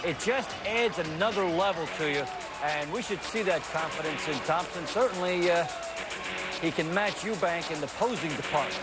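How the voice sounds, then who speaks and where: A man's voice: on the high side, moderate pace. A man working as a boxing color commentator, giving conversational, opinionated analysis on a live broadcast. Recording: loud music behind broadcast commentary. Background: loud arena entrance music.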